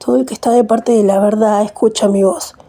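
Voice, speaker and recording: A woman reading the calm, firm words of a male religious teacher in her own voice. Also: medium pitch, a little fast, lightly acted. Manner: read plainly in the reader's own voice.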